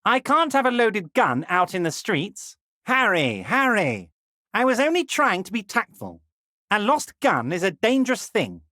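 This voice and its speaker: For a video game, a man voices a corrupt, scheming union boss in an exaggerated, unusually high register whose pitch swoops wildly and theatrically. His oily, patronizing delivery drips with false friendliness and mock concern, forceful and bright yet a little slow. The recording is dry and close, with no room sound.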